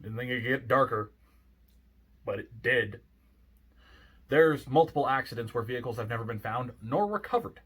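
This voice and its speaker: A man with a grumpy, cynical, sarcastic manner, telling stories casually as a video host, with deadpan asides and swearing. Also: mid-range voice, moderate pace, long pauses, slightly rough. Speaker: host of a ghost story video. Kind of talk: casual storytelling monologue to camera.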